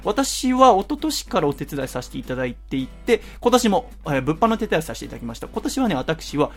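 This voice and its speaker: A man hosting a radio show, telling stories in fast, animated casual chat with polite formal phrasing. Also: on the high side, faint music behind.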